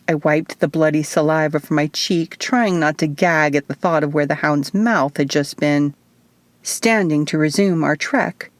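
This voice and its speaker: A woman reading her own novel aloud as audiobook narration, in a steady storytelling manner, close to the mic. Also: sits low, dry recording. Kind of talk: first-person audiobook narration.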